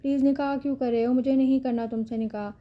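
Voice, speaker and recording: A woman reading the part of a frightened but defiant young woman held captive, pleading and sharp-tongued. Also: sits high, fairly even intonation, dull audio, natural voice. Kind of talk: audiobook character reading.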